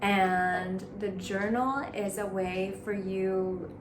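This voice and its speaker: A woman leading a guided meditation as an instructor, speaking encouragingly in measured, pause-filled phrases. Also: mid-range voice, little pitch movement, background noise. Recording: roomy echo under clear background music. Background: music.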